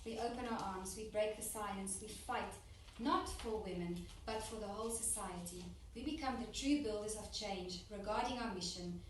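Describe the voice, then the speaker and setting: A woman's voice: mid-range voice, unhurried. Woman interpreting a speech in an echoey hall. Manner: steady, plain rendering with small restarts. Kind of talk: consecutive interpretation into English. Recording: echoey hall, distant mic, faint noise.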